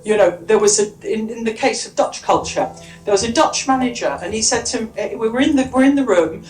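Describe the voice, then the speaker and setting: A woman's voice: fairly high pitch, animated, a little fast, a little mellow, faint music behind. Chatty woman presenting in an echoey room. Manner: chatty, with frequent restarts and asides. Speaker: conference speaker and workshop trainer. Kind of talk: lively conference presentation. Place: conference room.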